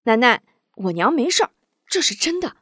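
A woman's voice: on the high side, sing-song, moderate pace, fairly bright tone, breathy edge, dry recording, clean studio sound, pitched above the performer's own voice, full character voice. A woman voicing a cheerful young man who speaks eagerly in a storybook tale.

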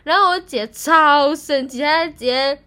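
A woman's voice: high-pitched, unhurried. A young woman, hosting a casual chat with friends and telling childhood stories with lots of giggling. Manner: giggly, animated storytelling. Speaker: podcast host.

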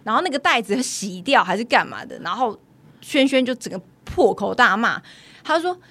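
A woman's voice: fairly high pitch, lively intonation, normal speed, pushed and bright. A woman, co-hosting a podcast and retelling work stories with lots of laughter and drama. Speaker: podcast co-host. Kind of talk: casual chat, storytelling.

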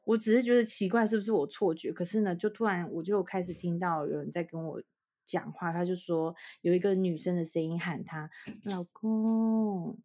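A woman's voice: lowish voice, normal speed. A young woman from Taiwan, co-hosting a podcast and telling a ghost story casually, acting out the voices of the people in it. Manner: animated storytelling, acting out quoted voices with laughs. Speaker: podcast co-host.

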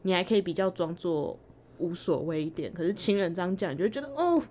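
A young woman co-hosting a casual podcast chat, telling family stories with lively mimicry and frequent laughter. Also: lowish voice, fast talker, a little hiss or hum. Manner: animated storytelling, mimics parents, laughs often. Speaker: podcast co-host.

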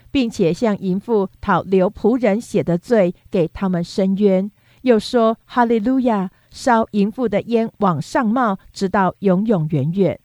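A woman reading scripture aloud in a steady, measured, unhurried way. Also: medium pitch, no echo. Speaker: scripture reader.

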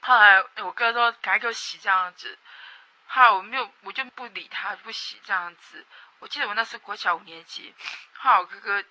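A young woman from Taiwan, giving a personal testimony in a halting way that repeats words and swings between loud and soft. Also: medium pitch. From Taiwan, Atayal people. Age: young adult.

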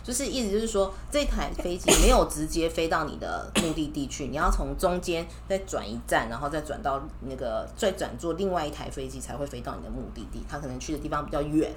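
A woman reading a picture book to a young child, chatting it through in an animated, child-directed way with questions and exclamations. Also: low voice, fast talker, few pauses, a crowd in the background.

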